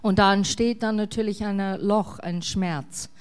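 A woman pastor preaching in a casual, halting way with many fillers. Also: mid-range voice, fairly even intonation, smooth. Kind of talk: sermon.

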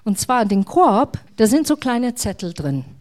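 A middle-aged woman pastor, preaching a sermon in a warm, conversational way. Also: on the high side, sing-song, unhurried.

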